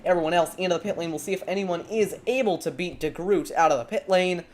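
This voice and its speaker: A man's voice: high voice, quick pace, a little hiss or hum. A man commentating a sim race, rambling into jokes between race updates.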